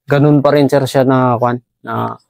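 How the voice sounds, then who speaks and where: A man from Basilan, an army sergeant, answering interview questions deferentially and haltingly, tacking "sir" onto nearly every phrase. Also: medium pitch, steady tone, gravelly, a little mellow, no room sound. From Basilan, Philippines.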